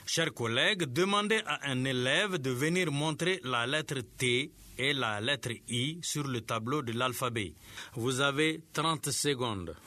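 A man teaching a scripted radio lesson, giving slow, clear instructions to teachers and pupils. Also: mid-range voice, pushed and bright.

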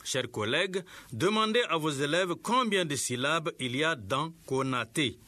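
A man teaching a scripted radio lesson, giving slow, clear instructions to teachers and pupils. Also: on the high side, expressive, pushed and bright.

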